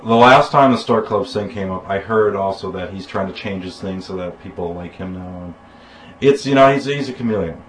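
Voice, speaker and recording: A man's voice: sits low, fairly quick, a little hiss or hum, low-quality recording. A man from the United States in casual conversation, telling anecdotes in a rambling way with restarts and quoted dialogue.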